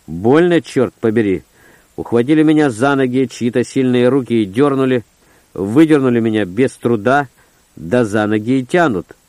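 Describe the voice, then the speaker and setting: A man's voice: medium pitch, darkish tone, no echo. A man reading a first-person story aloud in short, terse, gritty phrases. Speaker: audiobook narrator. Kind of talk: first-person audiobook narration.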